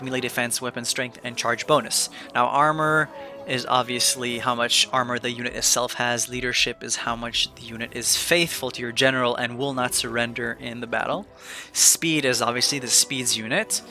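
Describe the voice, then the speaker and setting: A man narrates a beginner's strategy game tutorial over his own gameplay. His voice is very bright and his talk rambles in an upbeat way, full of fillers and restarts. Faint game music plays underneath. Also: mid-range voice. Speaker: gaming video creator.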